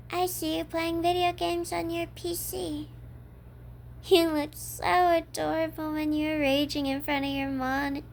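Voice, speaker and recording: A woman's voice: high-pitched, a bit bright, a little hiss or hum, exaggerated voice. A woman playing a cheerful, obsessive yandere kidnapper in an ASMR role-play, talking coyly and matter-of-factly to a captive listener. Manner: matter-of-fact, coy, addresses the listener as captive.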